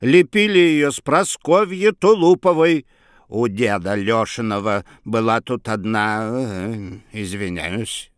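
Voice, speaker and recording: A man's voice: on the low side, expressive, slow, clean tone, dry recording, studio quality. A man voicing a fussy elderly village aunt who scolds and wails in a folksy way. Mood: chatty. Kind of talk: audiobook character voice.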